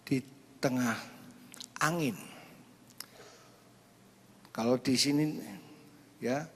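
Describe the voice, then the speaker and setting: A man's voice: mid-range voice, very slow, a little hiss or hum. A man preaching a morning prayer sermon, dramatic and dropping into whispers for emphasis. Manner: repeats scripture lines back to the reader. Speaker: pastor.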